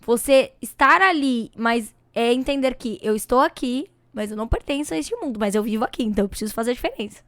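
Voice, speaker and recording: High-voiced young Brazilian woman. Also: quick pace, few pauses, no echo, studio quality. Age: 20s. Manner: animated, preachy storytelling with dramatic emphasis. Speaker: podcast guest, singer and missionary. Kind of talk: casual podcast chat.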